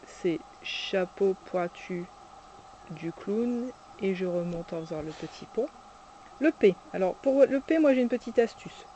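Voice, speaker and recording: A preschool teacher slowly demonstrating cursive letter by letter, patiently naming each stroke aloud. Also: medium pitch, darkish tone, a little hiss or hum. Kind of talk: step-by-step handwriting demonstration.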